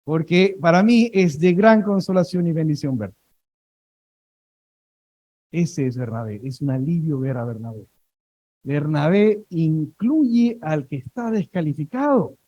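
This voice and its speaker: A man preaches from the pulpit, his voice pitched fairly high. He tells everyday stories with playful energy and calls on the congregation to echo his words. The sound is close and dry. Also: measured pace, dull audio. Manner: lively storytelling, asks congregation to repeat words. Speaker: pastor. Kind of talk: sermon.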